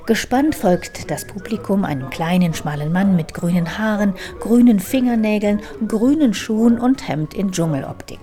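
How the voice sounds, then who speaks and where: A woman reporter giving scripted radio feature narration in a measured, descriptive way. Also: medium pitch, mellow.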